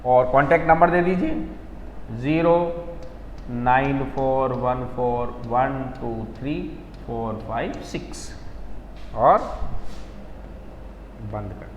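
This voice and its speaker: A man teaching an English lesson, explaining slowly and repeating key points for emphasis. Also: medium pitch, roomy sound, in a large hall, highs cut off, slight background noise. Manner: slow, repetitive explaining with frequent emphasis. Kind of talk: classroom lesson.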